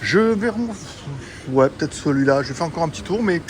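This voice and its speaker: This casual walk-and-talk vlog features a man with a fairly high, expressive voice who talks fairly quickly. He rambles, laughs a lot and swears as he strolls through a crowded electronics market indoors, with the market's noise all around.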